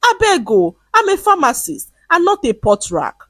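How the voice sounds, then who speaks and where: A woman's voice: very high voice, wildly swooping pitch, moderate pace, dry recording, voice pushed up, heavily acted. A woman voicing a proud young woman pharmacist who scoffs at a rejected suitor. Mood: scornful. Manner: scornful, hissing.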